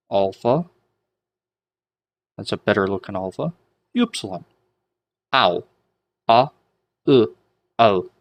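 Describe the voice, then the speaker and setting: A man teaching a recorded lesson, drawing out vowel sounds slowly with self-deprecating asides. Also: mid-range voice. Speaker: Greek teacher.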